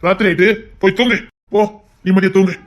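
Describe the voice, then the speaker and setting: A man voicing a possessive, lovesick young husband in an audio romance drama, talking in an insistent, commanding way that turns low and tender. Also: fairly even intonation, quick pace, heavy background noise, natural voice.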